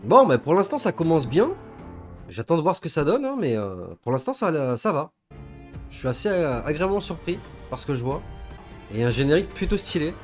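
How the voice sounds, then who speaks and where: A young man from southern France giving casual, slangy reaction commentary with excitable, laughing asides. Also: on the high side, brisk, faint music behind. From southern France, Gard area. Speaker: reaction video host.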